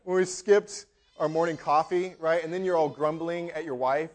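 A man's voice: fairly high pitch, steady tone, moderate pace. A man preaching a sermon in a conversational, joking way with an American accent, often tossing in "right?" and acting out quotes. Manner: conversational preaching, frequent asides of "right?" and laughter. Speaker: pastor.

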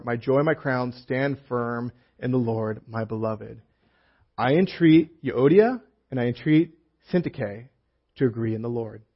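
A man's voice: medium pitch, dull audio. A man preaching a sermon as a pastor, reading scripture aloud and explaining it with casual asides and humor.

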